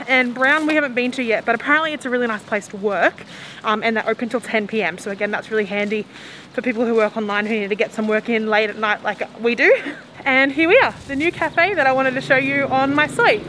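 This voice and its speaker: Holding her camera at arm's length, a young travel vlogger chats her way through crowded city streets in a rambling walking vlog, laughing frequently. Her voice is fairly high, quick and a little bright, and the poor audio carries traffic and city noise behind.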